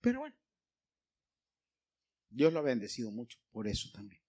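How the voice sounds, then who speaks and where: A man's voice: medium pitch, huge pitch swings, moderate pace, darkish tone. A man from Mexico with a Mexican Spanish accent, preaching a sermon in a church, telling stories and asking his congregation questions. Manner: storytelling, asks the congregation questions.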